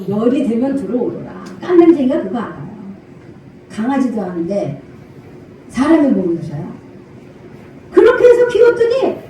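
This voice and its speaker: An older woman pastor preaching a sermon, animated, acting out parent and child voices and laughing often. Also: high-pitched, a little hiss or hum. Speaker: senior pastor. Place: church sanctuary. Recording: echoey church hall from far off.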